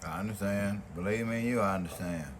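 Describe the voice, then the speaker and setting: A man's voice: lowish voice, a little fast, noisy background. A middle-aged man from Louisiana, chatting on a phone call in a laid-back way and repeating words as he starts his thoughts. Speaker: brother of the deceased. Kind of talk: casual phone conversation.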